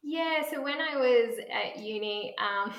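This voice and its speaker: A woman's voice: sits high, a little slow, a bit bright, echoey room, rough recording. An Australian woman from Tasmania, a startup co-founder giving chatty interview answers and laughing often between phrases.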